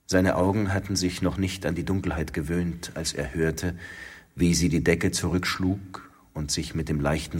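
Very deep, husky male narrator. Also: in a large hall. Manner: calm, measured. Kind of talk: scripted narration.

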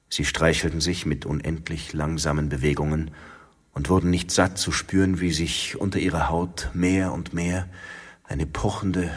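A man reading a story aloud in a calm, measured narration. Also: low voice, slightly rough, big-room sound. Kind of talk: scripted narration.

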